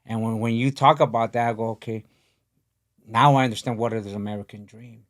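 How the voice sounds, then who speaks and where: Soft-spoken Honduras-born man host. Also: medium pitch, fairly even intonation, a little fast. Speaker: podcast host, boxing coach. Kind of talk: casual interview talk. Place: podcast studio in a boxing gym. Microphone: desk podcast mic.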